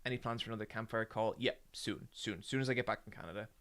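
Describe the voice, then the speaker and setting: Gravelly forty-something man chatting with viewers. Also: on the low side, steady tone, quick pace, fairly bright tone. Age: 40s. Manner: joking, rambling, many ums. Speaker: streamer. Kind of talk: casual live-stream chat with viewers.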